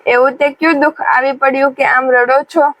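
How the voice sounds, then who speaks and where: A woman's voice: sits high, fairly even intonation, moderate pace, fairly bright tone, rough recording. A woman voicing a kind, commanding male king in a folk tale, reassuring and authoritative.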